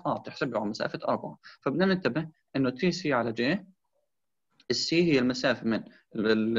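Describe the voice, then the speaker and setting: Tutor, male, quick drilled delivery, slightly muffled lo-fi recording. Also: medium pitch, fairly bright tone. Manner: repeats key points, mixes English terms into Arabic. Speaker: engineering tutor. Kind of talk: explaining torsion on a drawing. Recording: slightly dull lo-fi sound.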